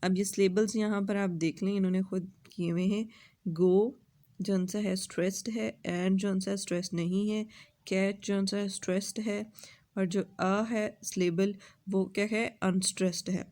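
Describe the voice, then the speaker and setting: Slow, mellow-voiced woman teacher. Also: medium pitch, steady tone. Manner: mixes Hindi and English, asks the class questions and answers them herself; drawls out the English words slowly. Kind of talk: lecture explaining a poem's rhyme scheme.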